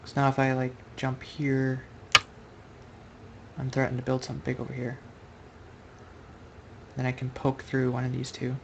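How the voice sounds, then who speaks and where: A man with a gravelly, fry-laced voice talks casually through his own board game at a mid pitch. He thinks out loud and often stops to correct himself. A faint hiss of noise sits under the home recording. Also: completely flat delivery, normal speed, long pauses, dull audio. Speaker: Go player commenting on his own online game. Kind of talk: casual live game commentary.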